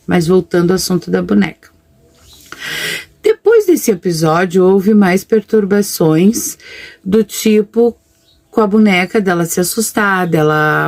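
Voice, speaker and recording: A woman's voice: medium pitch, a little mellow. A woman telling a ghost story casually, rambling and correcting herself as she goes, with frequent fillers.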